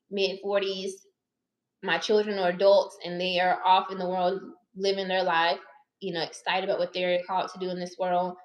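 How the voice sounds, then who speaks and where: A woman in her thirties talks straight to her viewers in a loose, chatty way, calling them y'all and baby. Her voice sits at an ordinary middle pitch. The recording carries a noticeable room echo. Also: dull audio. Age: 30s. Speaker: personal finance YouTuber and licensed therapist. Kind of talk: casual chat to camera. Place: her living room or car. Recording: roomy echo.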